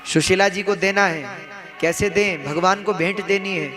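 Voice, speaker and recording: A young male preacher with a fairly high voice tells a devotional story, posing rhetorical questions to his audience. Instrumental devotional music hums clearly under his words. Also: fairly even intonation, normal speed. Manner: rhetorical questions, addresses listeners as bhaiya. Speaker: kathavachak (religious storyteller). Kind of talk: devotional katha sermon. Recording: music in the background.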